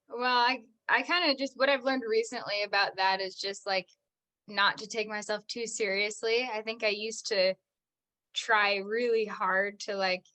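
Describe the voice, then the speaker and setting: A young actress from the United States, chatting as a podcast guest in a casual interview, speaks at medium pitch in a pushed, bright voice. She says "like" all the time and laughs often.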